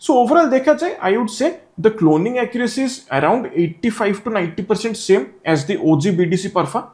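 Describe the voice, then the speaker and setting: High-voiced man reviewing perfumes. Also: expressive, extremely slow, a little mellow. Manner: explanatory, mixing Hindi and English. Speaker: fragrance reviewer. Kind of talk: product review talk to camera.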